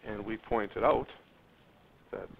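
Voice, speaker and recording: A man's voice: on the low side, slow, creaky. A man teaching a math lesson to his class, drawing out words and jumping up on key terms while talking straight to his students. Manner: lively, stretches words, spikes up on key terms; addresses students directly. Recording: tinny lo-fi phone-like classroom recording, faint noise.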